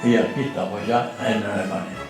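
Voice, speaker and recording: A man's voice: lowish voice, fairly even intonation, fairly quick, a little mellow, soft background music. A very old man from Spain giving documentary testimony, plain-spoken and often checking that the listener understands. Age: older. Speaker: interviewee. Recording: very echoey room.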